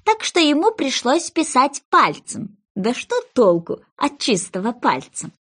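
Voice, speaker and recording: A woman narrating a children's storybook in a playful, expressive reading. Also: sits high, unhurried, slightly rough.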